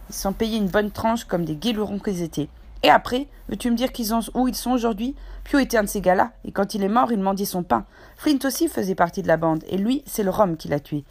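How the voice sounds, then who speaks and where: A woman reading aloud, voicing a grumbling, boozy male pirate coxswain with blunt sailor's talk. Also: medium pitch. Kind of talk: audiobook character voice.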